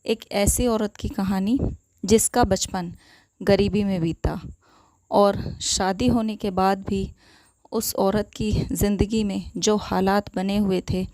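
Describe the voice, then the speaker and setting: Slow, emotional woman storyteller. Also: mid-range voice, steady tone, darkish tone. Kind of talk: scripted first-person story narration.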